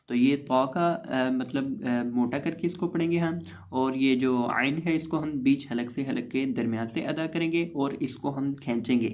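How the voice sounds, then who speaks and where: A man teaching a recorded Quran reading lesson, patiently explaining tajweed rules and spelling out letters before reciting words slowly and drawn out. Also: mid-range voice, a little mellow, muffled recording.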